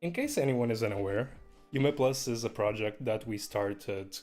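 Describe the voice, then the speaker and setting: A man's voice: lowish voice, moderate pace, a little mellow. A man speaking casually and earnestly as a guest on a livestream. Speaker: company CEO, stream guest. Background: guitar music.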